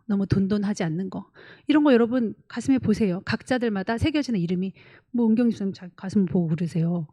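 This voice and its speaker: A middle-aged woman pastor preaching a sermon, animated, acting out dialogue with her daughter in different voices. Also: medium pitch. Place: church sanctuary.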